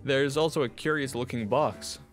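A man's voice: mid-range voice, normal speed, faint music behind. A young man playing and reading a visual novel aloud as a game streamer, sarcastic and cussing.

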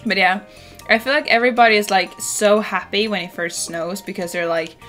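A young Norwegian woman with a Norwegian accent streams a farming game from home, talking fairly quickly in a medium-pitched voice with fairly even intonation. She chats casually with viewers, using many "like" fillers and swearing now and then. Soft game music plays in the background.

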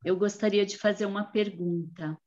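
A woman participant in an online meeting puts her question politely and thoughtfully, checking her understanding as she goes. Her pitch is ordinary for a woman. The call audio sounds dull and muffled. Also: fairly even intonation, moderate pace, darkish tone.

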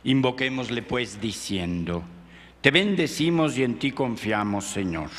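Slow-praying priest in an echoey church. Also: male voice, mid-range voice, expressive, fairly bright tone. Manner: solemn, measured recitation. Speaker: priest presiding at Mass. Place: large reverberant church. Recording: echoey church hall with clear background noise.

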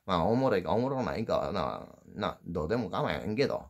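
Gravelly low-voiced Osaka-dialect man. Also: sing-song, fast. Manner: meandering, folksy, self-deprecating. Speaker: channel host. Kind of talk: rambling casual monologue. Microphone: handheld phone.

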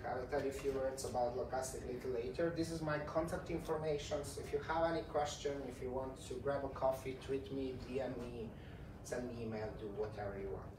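A tech company CEO with a Croatian accent gives a conference presentation in a roomy talk room, his medium-pitched voice brisk. He speaks informally, repeats words and uses non-native phrasing, recorded on a distant mic with faint noise.

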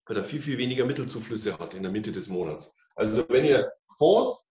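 Middle-aged man, financial advisor, explanatory, halting restarts, roomy office sound, mic at a distance. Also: on the low side, expressive, a little mellow. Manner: explanatory, many fillers and restarts. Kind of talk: whiteboard presentation. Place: office room with whiteboard. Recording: echoey office, mic far off.

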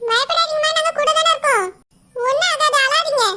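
A woman's voice: very high voice, brisk, pushed and bright. A woman voicing a worried cartoon mother who reassures her daughter in pain. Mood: soothing. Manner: soothing, reassuring.

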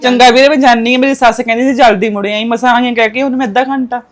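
A woman's voice: a little high, steady tone, fast talker. A young woman with a Punjabi accent acting a tearful, pleading sister in a village drama. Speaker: married daughter visiting cousin for Rakhi.

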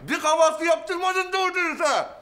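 An actor playing a hot-tempered comic husband who barks orders and blusters in sitcom acting. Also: male voice, very high voice, animated, moderate pace, a little hiss or hum, exaggerated voice. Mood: grumbling. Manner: blustering, bossy, panics into yelling.

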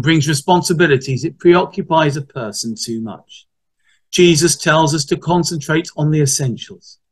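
Male priest, slightly high voice, measured scripture reading and sermon. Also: husky, low-quality recording.

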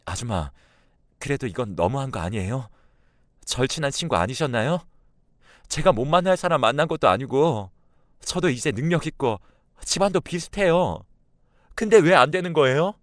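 Man voicing a defiant young woman, daughter, indignant, raised pitch, dry recording. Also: lively intonation, moderate pace, pauses often, dry recording, close to an everyday voice. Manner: pleading, rising to indignant.

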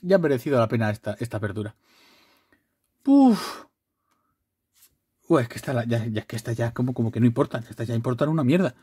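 Casual male vlogger, chatty, prone to loud excited outbursts, dry close sound. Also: medium pitch, no echo. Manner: bursts into loud swearing excitement over rare pulls; chatty, rambling, restarts often. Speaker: card collector vlogger. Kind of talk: casual unboxing chat.

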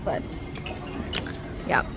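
A woman's voice: extremely slow, loud music behind the voice. A young woman chatting casually to her camera in a daily vlog, rambling from one thing to the next. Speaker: vlogger. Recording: noisy handheld vlog audio.

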